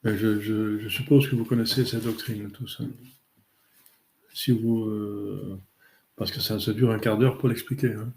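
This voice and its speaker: A man, a priest giving a catechism talk and answering questions in a halting way with many fillers. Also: on the low side, steady tone, darkish tone, slight background noise.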